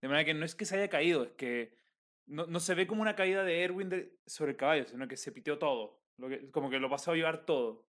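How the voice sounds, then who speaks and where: A man with a Chilean Spanish accent, explaining anime scene details in a relaxed, slangy way. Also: fairly high pitch, quick pace. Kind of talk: casual anime discussion.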